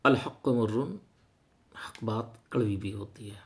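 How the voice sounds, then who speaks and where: A man preaching a sermon, moving from quiet earnest words to loud impassioned rises. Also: lowish voice.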